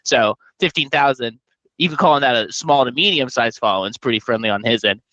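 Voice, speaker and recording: A man from Texas co-hosting a podcast, telling animated, profane, jokey stories in casual chat. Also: mid-range voice, quick pace, dry recording, dull audio. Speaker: podcast co-host.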